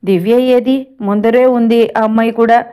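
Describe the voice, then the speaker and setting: A woman's voice: on the high side, steady tone, moderate pace, warm tone, clear, resonant tone, close to an everyday voice. A woman reading as a teasing college girl. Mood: playful. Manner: playful, teasing. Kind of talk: read-aloud storytelling.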